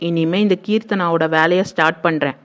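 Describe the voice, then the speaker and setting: A woman's voice: lowish voice, fairly even intonation, a little fast, lightly acted. An actress playing a bitter, vengeful young woman who was jilted, speaking in a tearful then seething TV serial manner. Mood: spiteful. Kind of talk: TV serial acting. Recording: muffled lo-fi sound.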